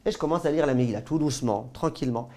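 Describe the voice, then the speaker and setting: Un homme, rabbin, qui donne un cours de loi juive vivant, avec des anecdotes, et qui passe souvent de l'emphase forte aux apartés à voix basse. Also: male voice, very fast. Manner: animated storyteller, jumps between loud stress and quiet asides; asks the class questions. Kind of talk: lively halakha class told with anecdotes.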